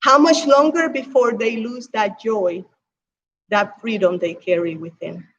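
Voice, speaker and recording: A woman from Cuba preaching a sermon as pastor, with emphatic swells and hushed drops. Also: a little high, unhurried, a little hiss or hum, low-quality recording.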